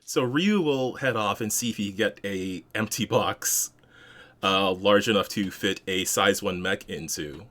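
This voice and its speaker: Male game master with a lowish voice, improvising descriptive narration, somewhat hesitant. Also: measured pace, a bit bright.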